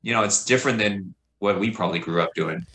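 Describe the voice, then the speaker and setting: A man's voice: lowish voice, quick pace, gravelly, fairly bright tone, poor audio. A middle-aged man chatting as a podcast guest, a teacher talking in a rambling, reflective way full of fillers. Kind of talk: casual conversation.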